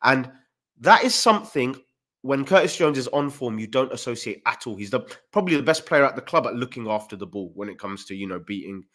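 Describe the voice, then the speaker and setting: During a casual football chat on a video call, a male co-host speaks animatedly from a room at home into a desk mic, his pitch jumping up quickly and often.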